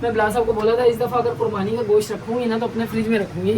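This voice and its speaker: Fast-talking woman vlogger, distant and noisy. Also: a little high, flat delivery. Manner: chatty, emotional, fillers like "है ना". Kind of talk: casual storytelling to viewers. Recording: distant mic with background noise.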